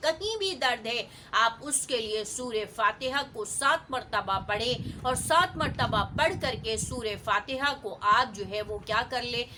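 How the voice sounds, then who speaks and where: Bright-voiced woman teaching prayer practice. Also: a little high, slight background noise. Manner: slow, careful, measured recitation when demonstrating; repetitive, directive explaining. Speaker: religious teacher. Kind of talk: instructional talk on prayer practice.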